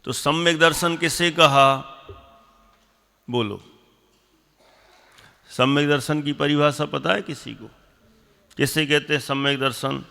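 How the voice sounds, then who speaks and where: A man teaching a religious class, slowly repeating definitions and quizzing and scolding his pupils. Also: a little high, fairly even intonation, vocal fry, pushed and bright, big-room sound. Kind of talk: classroom lesson with questions to students.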